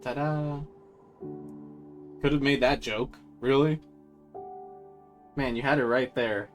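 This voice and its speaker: A man's voice: mid-range voice, a little slow, soft background music. A young man giving joking let's-play commentary with playful asides. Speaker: gaming streamer.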